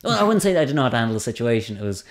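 A man's voice: medium pitch, sing-song, very fast. A man, a stand-up comedian, chatting casually on a podcast in a hesitant, self-deprecating way, often trailing off mid-sentence.

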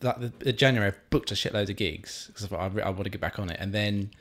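A man's voice: fairly low pitch, fast talker, a bit bright. A man chatting casually as a podcast host, rambling and self-deprecating. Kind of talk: casual chat.

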